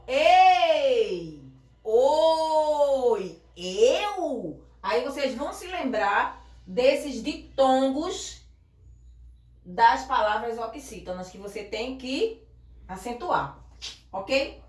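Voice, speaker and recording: Slow, patient woman teacher. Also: high-pitched, echoey room. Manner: slow, patient, checks understanding often. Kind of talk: classroom grammar lesson.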